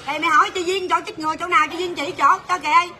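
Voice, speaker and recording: High-voiced shop owner. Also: female voice, fairly even intonation, bright, forceful tone, slight background noise. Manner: rapid, blunt teasing banter with staff, laughing often. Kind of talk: livestream sales chat.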